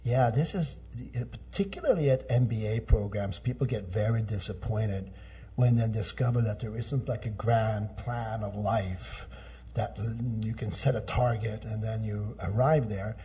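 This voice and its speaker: A middle-aged Norwegian business executive gives thoughtful, conversational interview answers, often restarting and using fillers. He speaks a little slowly, with a lowish voice and a dark tone.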